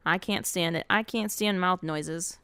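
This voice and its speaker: A woman's voice: on the low side, unhurried, pushed and bright, smooth, no echo. A young adult woman from Michigan co-hosting a casual podcast on a headset mic, blunt and exasperated, swearing freely. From Dearborn, Michigan. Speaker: podcast co-host. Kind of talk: casual chat.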